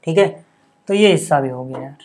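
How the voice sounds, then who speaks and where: A man's voice: fairly high pitch, brisk, darkish tone. A male maths teacher talking through a solution step by step. He keeps asking the viewer what comes next and then answers himself, and drops in casual filler words like "okay" and "buddy". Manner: reads out numbers and steps one by one. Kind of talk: step-by-step board lesson.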